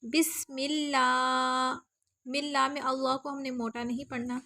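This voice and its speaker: A woman teaching Quran recitation online, explaining pronunciation step by step and spelling out letters and vowels slowly. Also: high-pitched, level tone, sharp tone. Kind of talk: recitation lesson with slow demonstrations.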